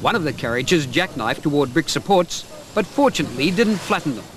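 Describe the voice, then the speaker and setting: A man reporting a news story in a measured, formal, scripted delivery. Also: fairly high pitch, expressive.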